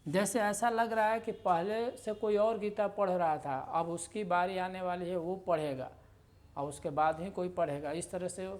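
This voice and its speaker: A woman's voice: on the low side, steady tone, moderate pace, darkish tone. A woman teaching a grammar lesson, explaining step by step, stressing single words in her examples and correcting herself in passing. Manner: self-correcting, conversational asides.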